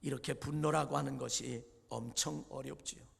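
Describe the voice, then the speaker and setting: A man pastor preaching a Sunday sermon, retelling scripture dramatically with acted quotes, moving between loud outbursts and low hushed lines. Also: fairly even intonation, moderate pace, vocal fry, husky, in a large hall. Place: church sanctuary.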